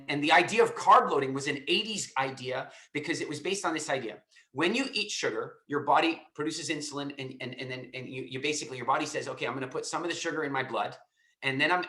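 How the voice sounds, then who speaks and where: A man who lives in Estonia hosts a live call, answering a caller emphatically and often repeating himself and restarting his sentences. His voice is on the high side with a sharp tone. The room is echoey.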